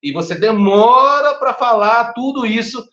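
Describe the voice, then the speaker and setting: A man with a Brazilian Portuguese accent giving a first aid lecture to teachers, animated and chatty, often checking that his listeners follow. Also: very high-pitched, measured pace. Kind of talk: online teacher training lecture. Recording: echoey room, dull lo-fi sound.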